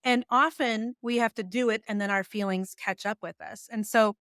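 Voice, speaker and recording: A woman's voice: a little high, normal speed, clear, resonant tone, no room sound, clean studio sound. A woman in her forties, a business coach and author, telling stories casually in an interview and acting out her own inner voice. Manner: animated, acts out her own inner dialogue with laughs. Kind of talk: casual storytelling in a podcast interview.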